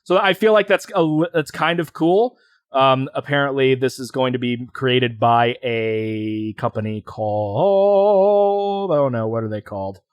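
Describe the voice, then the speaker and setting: A male podcast co-host with a medium-pitched voice speaks at a normal speed in a rambling, casual, hesitant way, full of fillers and restarts. The sound is dry and close, with no echo.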